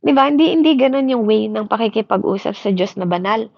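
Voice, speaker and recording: Female preacher, a little high, code-switching sermon full of "di ba?" checks; dry, muffled audio. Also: lively intonation, fast, gravelly, no room sound. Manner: mixes English into Tagalog, keeps asking "di ba?". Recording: dry, slightly dull recording.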